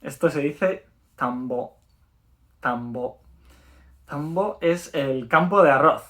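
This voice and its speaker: A man's voice: on the high side, a bit bright. Upbeat Spanish man teaching a lesson. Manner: explanatory, repeats words slowly and checks in with "¿vale?". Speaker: language teacher. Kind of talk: video lesson.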